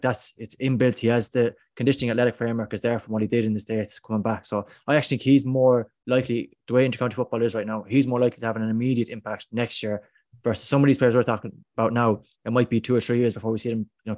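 A man's voice: mid-range voice, level tone, racing, a little mellow, dry recording, studio quality. An Irish man giving casual sports analysis as a pundit.

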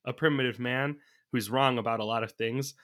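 A man's voice: medium pitch, steady tone, a little fast, a bit bright. A man chatting casually about a movie as a podcast co-host, thinking aloud from his notes and laughing often. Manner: laughs often while talking.

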